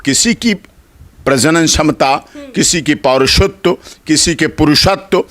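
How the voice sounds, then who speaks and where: Impassioned male lawyer in an interview, fairly high voice, rhetorical and emphatic, swings up and down a lot. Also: expressive, unhurried, a bit bright. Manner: impassioned, rhetorical, piles up repeated phrases. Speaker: senior advocate being interviewed. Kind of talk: heated interview answers.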